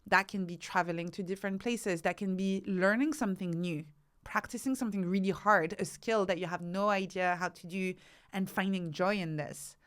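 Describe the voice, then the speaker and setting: A woman with a smooth, medium-pitched voice talks at a moderate pace as an interview guest. She's an author and researcher who lays out her ideas thoughtfully and with emphasis, frequently building her points through lists of examples.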